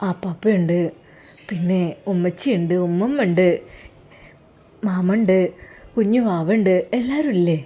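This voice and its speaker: A woman voicing a gentle, grieving father who speaks softly to comfort his daughter. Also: fairly low pitch, measured pace, pauses often, husky. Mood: soothing. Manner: soft, soothing, hushed. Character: gentle, grieving young father, soft-spoken.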